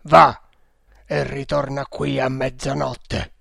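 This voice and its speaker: Guy doing a ruthless fanatic priest, gravelly and slow, dry close audiobook sound. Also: medium pitch, steady tone, fairly bright tone, no echo, exaggerated voice. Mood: menacing. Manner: stern, implacable, menacing. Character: cruel, fanatical male temple priest. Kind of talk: audiobook character reading.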